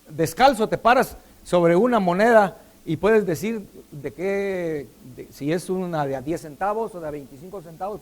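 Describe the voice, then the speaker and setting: A middle-aged man preaching a sermon, often putting questions to the congregation. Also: sits high. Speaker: pastor.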